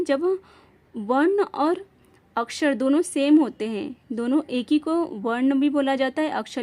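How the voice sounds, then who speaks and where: Woman teacher going slow, spelling words out bit by bit, pretty high voice. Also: mellow. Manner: asks questions then answers them. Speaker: Hindi grammar teacher. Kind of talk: classroom-style grammar lesson.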